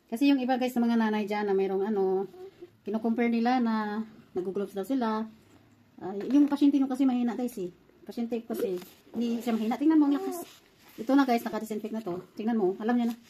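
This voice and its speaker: Chatty mother with a higher voice. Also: quick pace, mellow. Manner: chatty, talking viewers through a task while coaxing her child. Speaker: mother caring for her baby. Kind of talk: casual vlog talk to viewers.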